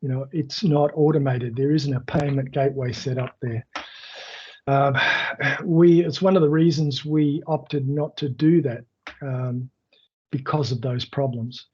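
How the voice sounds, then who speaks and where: Mellow croaky man on a video call. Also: mid-range voice, steady tone, a little slow. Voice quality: croaky, keeps clearing throat. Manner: conversational, loose, many fillers. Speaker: webinar presenter on online selling. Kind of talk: live webinar question and answer. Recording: dull lo-fi video call audio.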